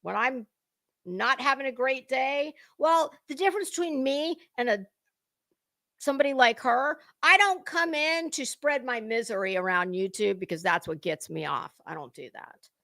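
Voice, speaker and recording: An online commentary creator launches into an unscripted rant for her viewers, blunt, sweary and confrontational, hitting emphatic words hard. Her voice is high, creaky and sharp, at normal speed.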